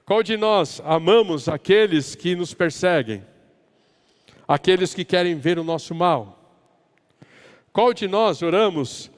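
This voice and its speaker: High-voiced Brazilian preacher in a reverberant church. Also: male voice. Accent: Brazilian Portuguese. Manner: asks rhetorical questions, builds to emphatic loud stretches. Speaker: pastor. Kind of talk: sermon. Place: church sanctuary. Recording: long church-hall reverb.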